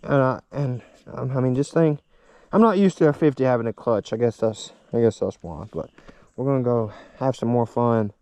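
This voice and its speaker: A man's voice: mid-range voice, moderate pace, mellow, no echo. A man vlogging casually while riding a small dirt bike, his voice muffled inside a helmet and picked up by a camera on his chest. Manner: rambling, chatty, upbeat. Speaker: motovlogger. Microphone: chest-mounted action camera.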